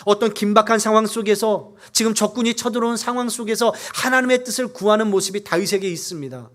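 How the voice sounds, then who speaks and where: A male pastor delivers a sermon in a notably high voice. He preaches earnestly, pushing harder on key points before sinking back down. He reads scripture in a steady, measured cadence. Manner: earnest preaching, rising in force at key points then dropping low.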